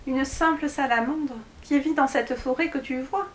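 A woman's voice: high voice, moderate pace, a little hiss or hum, voice pushed up, natural voice. A woman voicing a friendly forest salamander who kindly explains and guides, recorded in an echoey room.

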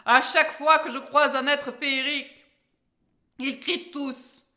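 A woman voicing a gruff, misunderstood male troll in a storybook reading, growling and shouting his lines. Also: high voice, fairly even intonation, unhurried, voice pushed up. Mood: tearful.

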